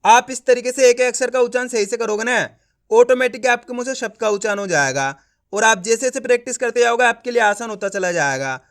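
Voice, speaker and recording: A man's voice: very high-pitched, animated, fast, a bit bright. A man teaching a reading lesson, patiently sounding out syllables one by one and often checking that the listener understands. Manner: coaxing, often asking the viewer if they understand. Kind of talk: spoken lesson.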